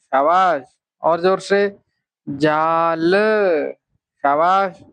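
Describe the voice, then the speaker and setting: A man's voice: a little high, fairly even intonation, very slow, a bit bright, no echo. A man teaching children a phonics lesson, stretching out syllables and coaxing them to repeat after him.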